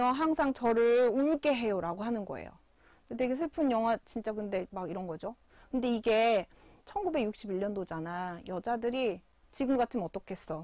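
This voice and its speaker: A woman teaches an online middle school English class, her voice sitting a little high. She explains grammar through animated little stories and talks directly to the students. The sound is dry and close, with no room echo. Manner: animated storytelling, addresses students as kids; sings example sentences slowly. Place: school broadcast studio.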